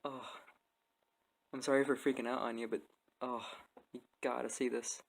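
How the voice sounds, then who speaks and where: A man narrating his hobby model build to a phone camera, excitable, laughing often and apologizing as he works. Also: medium pitch, a little fast, vocal fry, low-quality recording. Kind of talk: casual hands-on vlog narration. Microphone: phone camera on a stand.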